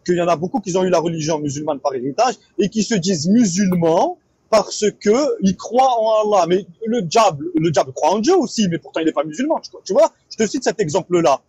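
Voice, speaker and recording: Fast, husky, high-voiced man for a heated live-chat debater who repeats and interrupts. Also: expressive, a little mellow, dry recording. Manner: insistent, interrupts, repeats himself. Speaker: debate participant.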